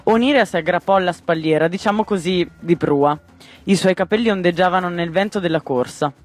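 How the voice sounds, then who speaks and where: A man narrating a children's storybook in a gentle, measured way. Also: high-pitched, soft background music. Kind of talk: storybook reading.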